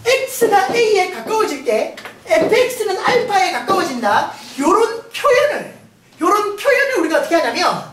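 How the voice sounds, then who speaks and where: A woman with a Gyeongsang Korean accent teaching a math lecture, playful and often laughing as she questions the class. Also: high voice. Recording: roomy, distant mic, noisy.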